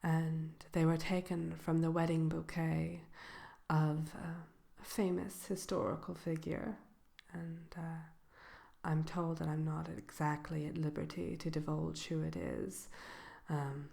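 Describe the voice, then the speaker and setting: A woman voicing the Wicked Witch as a haughty yet gracious shopkeeper in a soft ASMR role-play, genteel and coy, often slipping into a whisper. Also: deep voice, flat delivery, exaggerated voice. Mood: coy, confiding. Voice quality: creaky, breaking into whisper. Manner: unhurried, hesitant pauses, genteel, coy.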